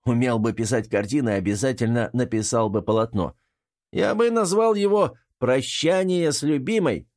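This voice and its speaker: A man's voice: on the low side, steady tone, a little fast, hardly any pauses, darkish tone, lightly acted. A man voicing a sneering man who mocks others theatrically in an audiobook reading. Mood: mocking. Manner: mocking, theatrical.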